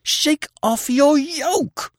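A man's voice: fairly high pitch, big pitch swings, a little slow, darkish tone, no room sound, clean studio sound, pitched above the performer's own voice. A man voicing a passionate, scheming young woman who pleads in a breathless, urgent rush. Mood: fierce.

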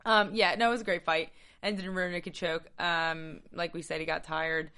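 A woman's voice: fairly low pitch, steady tone, moderate pace, bright, forceful tone, clear, resonant tone. A woman hosting a casual podcast, leading the rundown with playful, teasing asides. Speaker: show host.

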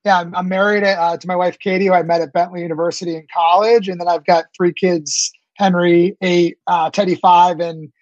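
A man in his late thirties talks up his startup with a rather high voice. He runs on quickly and enthusiastically, padding with ums and restarting phrases. The sound is dry and close. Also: flat delivery, no room sound, muffled recording. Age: 30s. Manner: fast, enthusiastic, many fillers and restarts. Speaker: startup founder guest. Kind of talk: business interview answers.

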